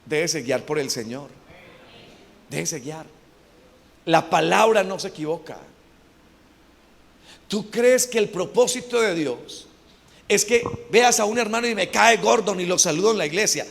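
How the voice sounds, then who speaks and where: A man preaching a sermon, calling questions to the congregation and having them repeat after him, jumping from loud shouted peaks to low quiet asides. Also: expressive, unhurried, gravelly, long pauses, in a large hall. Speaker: pastor. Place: church.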